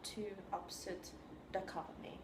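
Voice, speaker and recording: A woman from China who speaks English, a composer answering interview questions in a thoughtful, halting way and searching for her words. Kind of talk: reflective conversation. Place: room in New York. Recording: roomy sound with steady background noise.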